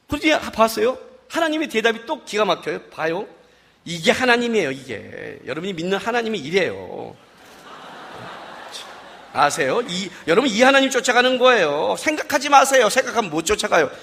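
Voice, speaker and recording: A man preaching a sermon as pastor at a worship service, playful and lively, acting out dialogue and firing rhetorical questions at the congregation. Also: very high voice.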